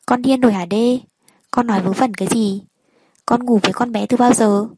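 A woman voicing a grieving wealthy mother, husky and dry. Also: on the high side, fairly even intonation, normal speed, dark tone, dry recording. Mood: scolding.

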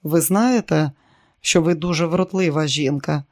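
An audiobook reader voicing a smooth, seductive man who talks in a soft, coaxing way. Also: fairly high pitch, unhurried.

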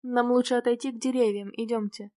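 A woman reading the lines of a calm adult male bodyguard in an audiobook, matter-of-fact and even. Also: a little high, brisk, no room sound, clean studio sound, lightly acted. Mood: businesslike.

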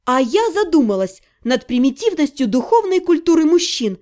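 A woman's voice: high-pitched, big pitch swings, normal speed, mellow. A woman narrating a first-person fantasy audiobook.

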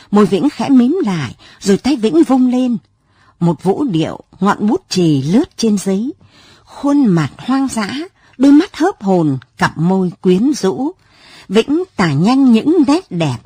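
Female narrator, lyrical late-night story reading, lively pitch, warm husky tone. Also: no room sound. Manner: soft, lyrical, unhurried reading.

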